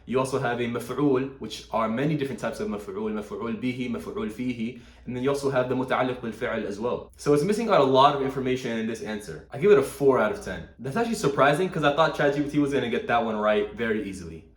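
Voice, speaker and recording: A man with a mid-range voice talks quickly through an Arabic grammar lesson. He reads answers aloud and corrects them, dropping easily into Arabic terms. His voice rings out in an echoey room. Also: mid-range voice, animated. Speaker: Arabic language teacher. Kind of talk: casual explanatory commentary.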